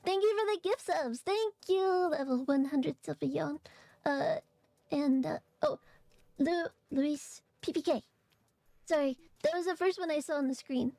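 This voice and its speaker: A woman streamer chatting casually and haltingly, her voice phlegmy and rattly in the chest, congested from allergies. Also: high voice, dark tone, dry recording. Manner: halting, hesitant, trailing phrases. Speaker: vtuber streamer. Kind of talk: casual livestream chat.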